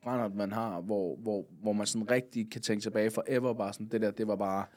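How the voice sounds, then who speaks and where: A man's voice: lowish voice, steady tone, a little mellow. A man from Funen chats as a podcast guest, spinning out a long anecdote. He rambles easily, filling the gaps with little hesitations and tossing in casual curses. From Funen, Denmark. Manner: rambling, with many fillers and casual swearing. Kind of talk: casual storytelling.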